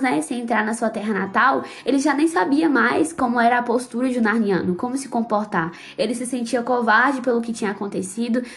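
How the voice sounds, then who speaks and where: A woman hosting a podcast, talking about a book in a heartfelt, fervent, casual way with religious exclamations. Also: on the high side. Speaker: podcast host. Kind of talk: emotional casual book commentary.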